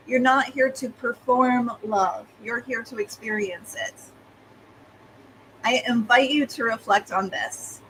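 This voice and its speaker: A woman hosting a podcast, talking listeners through calm, scripted self-help guidance with worked examples. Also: a little high, slight background noise, poor audio. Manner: calm, coaching tone with second-person examples. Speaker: podcast host.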